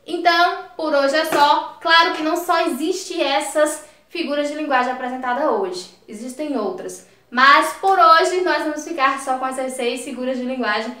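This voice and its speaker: A woman teacher explaining a lesson slowly and patiently, stretching key words and checking in with short questions to the listener. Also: sits high, bright, forceful tone. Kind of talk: recorded lesson. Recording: echoey room.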